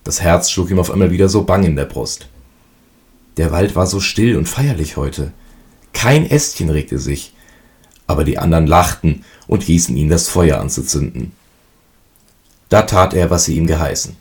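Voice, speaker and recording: A man with a very low voice reads an old fairy tale aloud. His delivery is calm and even, steady storytelling throughout. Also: normal speed, long pauses. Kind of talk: storybook reading.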